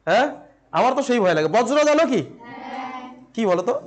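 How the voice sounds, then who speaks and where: High pitched guy lecturing a class, repeats q and a over and over, playful. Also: very animated, brisk, slight background noise. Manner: repeats each question and answer, drilling students. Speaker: Sanskrit teacher. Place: classroom with students.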